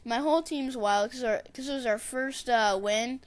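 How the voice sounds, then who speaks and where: A woman casually narrating her gameplay in a rambling, digressive way, and getting excitable when she tells a story. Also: on the high side, a little slow. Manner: excitable, shouts catchphrases when retelling. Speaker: gameplay commentator.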